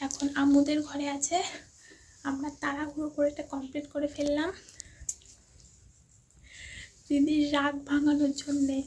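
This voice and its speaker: Bengali woman vlogger, high voice, hushed and halting delivery. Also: completely flat delivery. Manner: hushed near-whisper, stumbling over words. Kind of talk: casual vlog narration.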